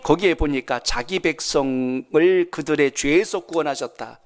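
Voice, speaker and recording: A man's voice: on the high side, moderate pace. A man preaching a sermon as a pastor, earnestly telling a story to his congregation. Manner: earnest storytelling preacher, acts out quoted voices. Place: church sanctuary.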